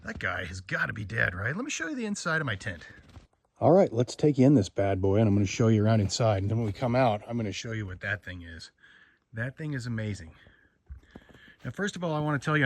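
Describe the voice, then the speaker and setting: A man giving an upbeat, chatty tour of his wall tent and snowy camp in casual vlog style, recorded outdoors and inside the tent on a camera mic. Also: mid-range voice. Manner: upbeat, chatty, shows things as he talks. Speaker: vlogger.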